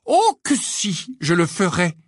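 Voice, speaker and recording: Man doing a fierce, high-pitched teenage witch. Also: fairly quick, dry recording, studio quality, close to an everyday voice. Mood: threatening. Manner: sharp and determined.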